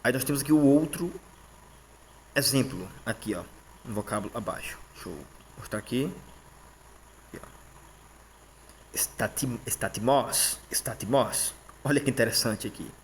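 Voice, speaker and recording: A man with a Brazilian Portuguese accent walks through a lesson in a casual, patient way. He keeps checking in with his listeners and repeats each term as he goes. His voice sits at an ordinary middle pitch, with a faint hiss of noise behind it. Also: moderate pace, long pauses. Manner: frequent fillers and "tá?" checks, repeats terms. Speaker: teacher.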